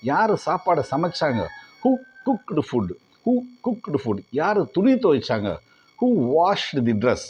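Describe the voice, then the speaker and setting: A man teaching English, repeating each sentence slowly and spelling words out letter by letter. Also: fairly high pitch, slightly rough. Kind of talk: language lesson. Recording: dull lo-fi audio.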